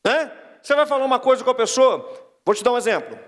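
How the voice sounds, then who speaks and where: Lively Brazilian pastor in a ringing hall. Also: male voice, very high-pitched, quick pace. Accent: Brazilian Portuguese. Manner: lively, exhorting, mimics whiny voices. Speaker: pastor officiating a wedding. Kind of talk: wedding sermon. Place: large church hall. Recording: long reverb of a church hall.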